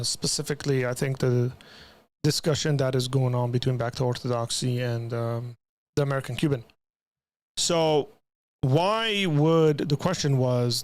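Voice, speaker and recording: A man hosting a livestream reaction, speaking casually to his viewers with a halting, stop-start delivery. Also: mid-range voice, a little mellow. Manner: hesitant, restarting, addresses viewers as guys. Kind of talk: casual live commentary.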